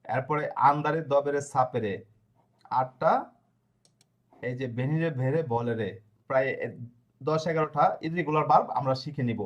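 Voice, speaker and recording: A man teaching a language lesson, reciting verb forms slowly and checking in with his listeners along the way. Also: fairly high pitch, muffled recording. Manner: repeats conjugations slowly, with fillers and checks. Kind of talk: explaining a lesson.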